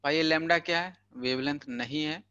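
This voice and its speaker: Young male physics tutor, casual lecture voice, bright and forceful, slightly raised pitch, dull lo-fi recording. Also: fairly quick, smooth, dry recording. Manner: chatty, peppers talk with "thik hai" and "bhai"; explains with everyday money examples. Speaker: physics teacher. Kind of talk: casual Hindi lecture for exam prep.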